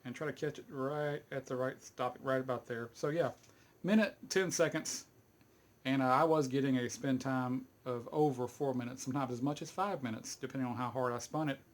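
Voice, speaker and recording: Speaking briskly at a medium pitch, this middle-aged man with a Texas drawl is a YouTube hobbyist showing viewers how he cleans a fidget spinner. He rambles casually and folksily, chuckling often and leaning on plenty of fillers.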